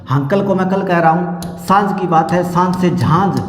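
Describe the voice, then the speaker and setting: A man teaching an exam-prep lesson. He repeats a memory-trick story slowly and explains each word. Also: high-pitched. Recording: echoey room with long reverb.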